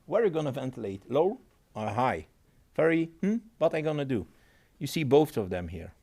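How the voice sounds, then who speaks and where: A man with an other than giving a technical presentation at a conference. He pauses, repeats words and phrases things in his own way. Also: medium pitch, big pitch swings, vocal fry, mellow. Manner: halting, repeats words, non-native phrasing. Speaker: conference speaker.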